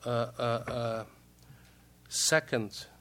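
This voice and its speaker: A man's voice: mid-range voice, drawn-out words, fairly bright tone. A Brazilian man, a native Portuguese speaker, giving formal remarks as a diplomat in broken English, hesitating often and repeating words.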